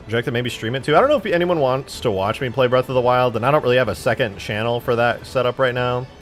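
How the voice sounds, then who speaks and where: Modding a game on a live stream, a twentysomething man talks quickly in a mid-range voice, cracking jokes, cursing and rambling. Faint music can be heard behind him.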